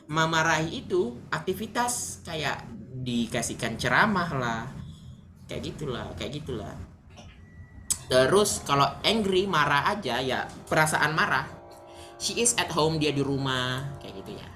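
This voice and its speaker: A woman's voice: low voice, big pitch swings, a little slow, fairly bright tone, soft background music. A woman teaching English to an online class over a video call, explaining patiently step by step and often checking in with her students.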